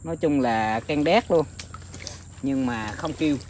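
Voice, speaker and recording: A man talking casually to his viewers outdoors, rambling with many filler pauses. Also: mid-range voice, darkish tone, slight background noise. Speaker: bird-trapping vlogger. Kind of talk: casual outdoor vlog narration. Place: outdoors in countryside.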